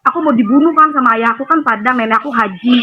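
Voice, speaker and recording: A woman giving an emotional personal testimony over a phone call, rambling and animated with many fillers. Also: on the high side, quick pace. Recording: tinny phone line with faint noise.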